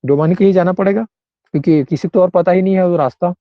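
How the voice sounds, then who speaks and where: A man's voice: high voice, fast, no room sound, highs cut off. A male English grammar teacher, explaining rules in an online class and often checking in with students by name.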